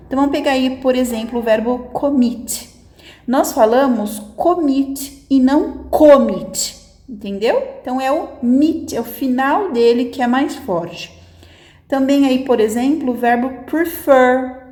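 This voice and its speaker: A woman's voice: on the high side, darkish tone, echoey room. A woman English teacher patiently explaining grammar rules in a lesson, often checking in with her listeners.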